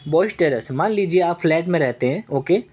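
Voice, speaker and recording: A man's voice: on the high side, expressive, brisk, darkish tone, slightly rough. A young man giving an exam vocabulary lesson, repeating points and checking in with "okay" and "right". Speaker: vocabulary teacher.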